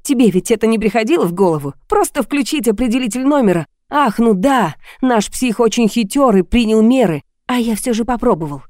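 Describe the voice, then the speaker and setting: A woman's voice: on the high side, expressive, fairly quick, hardly any pauses, darkish tone, dry recording, studio quality, pitched above the performer's own voice, natural voice. A woman reading as an angry jealous young man. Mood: accusing. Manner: harsh, accusing. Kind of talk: audiobook reading.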